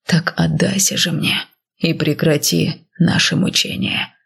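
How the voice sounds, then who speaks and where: A woman reading the lines of a possessive, commanding husband in an audiobook, low and half-whispered. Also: steady tone, unhurried, exaggerated voice. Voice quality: husky, breathy.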